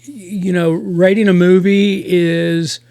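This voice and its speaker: A man hosting a casual review podcast, talking in halting starts with many restarts. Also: high-pitched, steady tone, creaky, dark tone, smooth, dry recording, studio quality.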